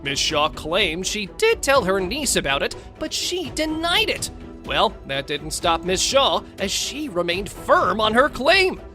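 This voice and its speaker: A woman's voice: mid-range voice, big pitch swings, measured pace, hardly any pauses, bright, forceful tone, soft background music. A woman narrating in a playful, theatrical scripted style, with sassy, slangy asides. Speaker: narrator of a court show recap.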